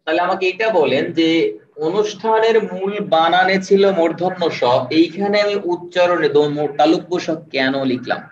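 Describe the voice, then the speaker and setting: Patient male tutor on a distant mic. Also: sits high. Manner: patient, repeats and spells out sounds slowly. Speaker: online tutor. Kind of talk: live online lecture. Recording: roomy, distant, dull sound.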